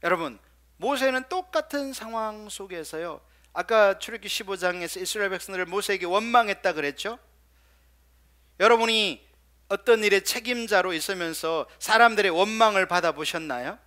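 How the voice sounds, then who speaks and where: A male pastor preaching a sermon, firing rhetorical questions at the congregation and dropping into soft, quiet asides. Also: sits high, moderate pace.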